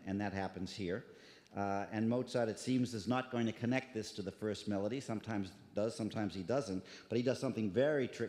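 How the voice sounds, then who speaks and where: Male music lecturer, lowish voice, scats rhythms mid-sentence; echoey hall sound. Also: a little mellow. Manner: scats rhythms to illustrate, restarts words. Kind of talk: lecture with live musical examples. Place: concert hall. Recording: echoey concert hall with long reverb.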